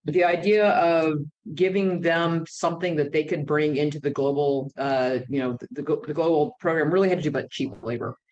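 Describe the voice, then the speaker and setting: A woman's voice: deep voice, low-quality recording. An American woman moderating a conference panel, chatty and informal, with many fillers and restarts. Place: conference room with audience.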